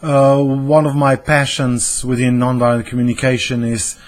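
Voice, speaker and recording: A man's voice: medium pitch, monotone, normal speed. A man in his fifties from Slovenia with a Slovenian accent, introducing himself as a communication trainer and searching thoughtfully for his words. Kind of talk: personal self-introduction to camera.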